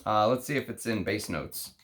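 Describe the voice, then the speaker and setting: A man with a Texas accent chatting unscripted through an unboxing, halting and thinking aloud as he reads out names. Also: fairly low pitch, a bit bright. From Texas, United States. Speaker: fragrance review show host. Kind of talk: unscripted unboxing chat, reading out names and notes.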